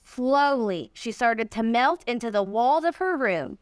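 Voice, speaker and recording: A woman reading a children's storybook aloud in an expressive storytelling way. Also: on the high side, unhurried, clean tone, no echo, clean studio sound. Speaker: volunteer reader, nonprofit executive.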